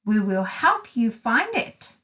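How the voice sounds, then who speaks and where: A woman voicing a scatty, excitable little lady from a children's storybook, with a dramatic, naive eagerness. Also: on the high side, slow, far from the mic, voice pushed down, heavily acted. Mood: eager.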